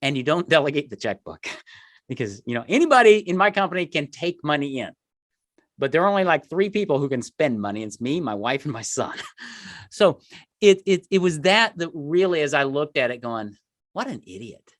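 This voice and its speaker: A middle-aged man chatting as a podcast guest, with very lively pitch swings. His delivery is emphatic and self-deprecating, and the sound is dry and close. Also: brisk, no room sound. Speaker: podcast guest, marketing entrepreneur. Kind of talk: conversational interview storytelling.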